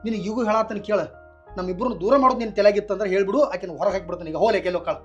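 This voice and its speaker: A man plays a furious husband who hurls rapid, heated reproaches. The recording is slightly dull, and faint music runs underneath. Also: high-pitched, steady tone. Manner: heated and scolding. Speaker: angry husband. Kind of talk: rural family drama acting.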